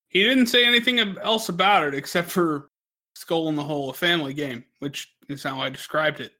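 A man with a fairly high, very bright voice hosts a casual podcast. He talks in a crude, joking way and swears freely. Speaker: podcast host.

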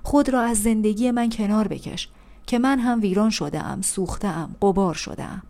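A woman's voice: medium pitch, vocal fry, warm tone, lightly acted. A woman reading aloud, voicing an anguished male prophet who cries out in bitter reproach to God over a ruined city. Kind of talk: audiobook reading.

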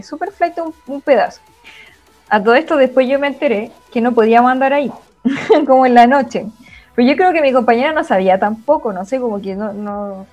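A woman's voice: fairly high pitch, darkish tone. A young woman with a Chilean accent, a former missionary, chatting casually and using local slang. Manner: chatty, laughs between phrases, uses slang. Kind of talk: casual chat, telling a story.

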